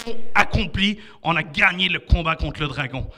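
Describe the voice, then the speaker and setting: A young man with a Québécois French accent, leading an energetic martial arts adventure class for children, coaching and counting down with enthusiasm. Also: a little high, moderate pace, loud music behind the voice.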